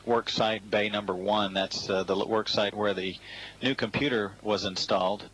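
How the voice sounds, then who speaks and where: A man giving measured, matter-of-fact live spaceflight commentary from mission control. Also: on the low side, fairly even intonation. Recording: faint background hiss.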